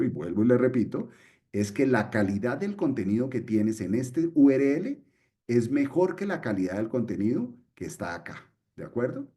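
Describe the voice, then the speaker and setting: Walking through his material one step at a time, a middle-aged webinar presenter repeats the key points while sharing his screen. He has a warm voice on the low side.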